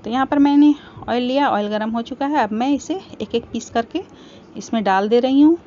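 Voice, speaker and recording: A woman's voice: a little high, normal speed. Woman walking through a home recipe. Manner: calm step-by-step explaining. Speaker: cooking channel host. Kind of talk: home cooking tutorial voice-over. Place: home kitchen. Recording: slightly dull home recording with faint background hiss.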